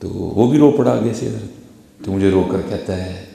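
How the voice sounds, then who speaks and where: A man's voice: on the low side, creaky, mellow. A man preaching a sermon, telling a personal story and addressing his listeners as "Hazrat" in an anecdotal way. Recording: echoey hall reverb.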